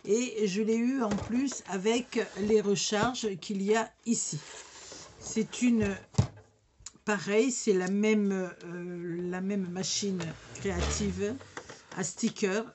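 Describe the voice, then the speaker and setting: Slow hesitant french-accented woman showing craft stuff, lots of umms, faint hiss behind. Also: mid-range voice, steady tone. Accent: regional French accent. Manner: hesitant, many fillers and restarts. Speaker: crafting demonstrator. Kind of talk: casual product demonstration.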